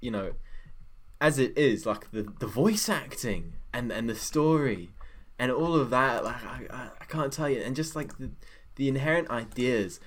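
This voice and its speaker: A man's voice: medium pitch, lively intonation, moderate pace. A young man on a podcast, gushing about a film in rambling casual chat full of fillers. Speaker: guest.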